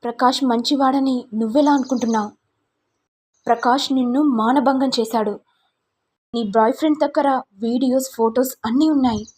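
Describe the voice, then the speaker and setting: A stern, hot-tempered middle-aged mother, voiced by a woman narrator, scolding and demanding answers. Her voice is husky and set a little high. Told as a storytelling recap. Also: normal speed, darkish tone.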